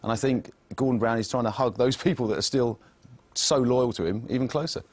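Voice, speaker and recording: Editor guy talking fast, defensive, keeps repeating himself, dry studio. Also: medium pitch, steady tone, dry recording. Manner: defensive, repeats his stock line. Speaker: newspaper editor guest. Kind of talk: heated TV debate.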